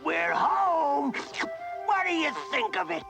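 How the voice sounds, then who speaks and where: A man voicing a boastful, smug, pompous male toad suitor in an animated cartoon. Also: extremely high pitch, slow, vocal fry, muffled recording, exaggerated voice. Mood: gloating, excited. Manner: pompous, self-satisfied. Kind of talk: animated cartoon character acting. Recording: music behind, VHS cartoon soundtrack.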